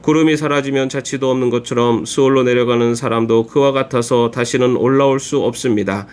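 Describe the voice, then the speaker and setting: A man reading a long scripture passage aloud for a church, in a steady, measured voice. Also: medium pitch. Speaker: church Bible reader.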